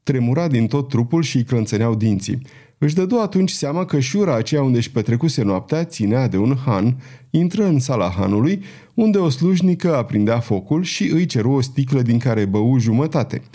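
A man giving a dramatic, expressive reading as an audiobook narrator. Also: mid-range voice. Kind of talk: scripted narration.

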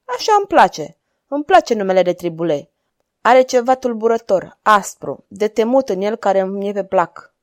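A woman's voice: mid-range voice, very animated, dry recording, clean studio sound, lightly acted. A woman voicing a scheming male court jester who talks in a sly, teasing way. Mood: pleased.

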